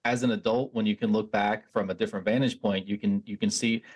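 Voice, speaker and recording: This podcast host has a lowish, steady voice with a breathy edge, and he talks fast. In a casual interview chat he thoughtfully reflects back on his guest's words, often restarting sentences and dropping in lots of "you know"s.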